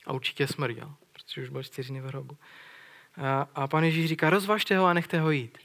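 A man's voice: a little high, fairly even intonation, fairly bright tone. A man preaching a sermon in an earnest way, retelling a scripture story and putting questions to his listeners.

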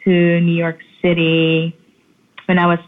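A woman from the Philippines chatting casually as a guest, halting with frequent restarts. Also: on the low side, completely flat delivery. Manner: halting, warm, restarts often. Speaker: travel food vlogger guest. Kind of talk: casual chat. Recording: tinny phone-like line.

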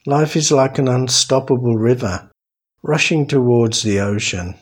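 A man guiding a meditation in a calm, soothing way, giving slow, unhurried instructions. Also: medium pitch. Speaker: meditation guide. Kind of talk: guided meditation narration.

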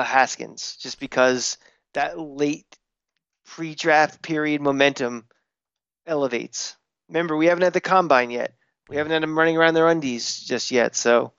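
A man co-hosting a casual sports podcast, blunt and opinionated, talking in quick bursts. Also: on the high side, fairly bright tone, clean tone, no room sound, dull audio. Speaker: podcast co-host.

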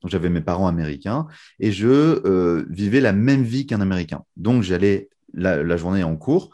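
A young man from France talks freely as a guest in an interview. His voice sits fairly low, and he drifts along with easy fillers and restarts. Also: normal speed. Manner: relaxed, many fillers and restarts. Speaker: guest magician. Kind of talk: casual interview chat.

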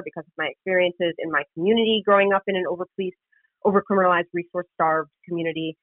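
A woman's voice: on the low side, no echo. New woman on a thin phone line. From Queens, New York City. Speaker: interview guest, political candidate and public defender. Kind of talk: conversational interview answers, storytelling.

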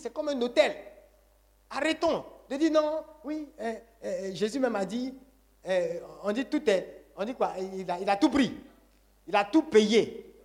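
The preacher's voice is high with a darkish tone as he leads an emphatic call-and-response sermon, repeating himself and asking the congregation to say amen.

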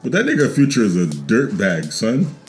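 A man's voice: on the low side, huge pitch swings, moderate pace. A man co-hosting a podcast, chatting casually with loose, profane, joking storytelling and lots of slang over music. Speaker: podcast co-host. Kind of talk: casual chat. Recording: music bed underneath.

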